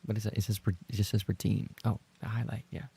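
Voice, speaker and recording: A male livestream host and roleplay voice actor speaks fast in a low, gravelly, creaky voice that's slightly dark and a bit husky, with flat delivery. He goes through viewer messages in casual chat, reacting with playful mock indignation and plenty of swearing, and repeats phrases when flustered.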